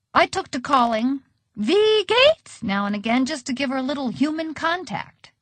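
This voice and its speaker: A woman narrating an audiobook in an expressive, conversational storytelling manner. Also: medium pitch, dry recording.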